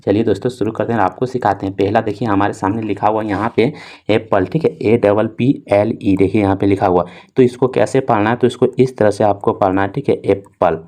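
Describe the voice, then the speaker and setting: A man's voice: fairly low pitch, fairly even intonation, a little mellow. A young man teaching English reading, spelling words out letter by letter and repeating "theek hai" and "dosto" over and over. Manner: slow, drawn-out spelling of letters.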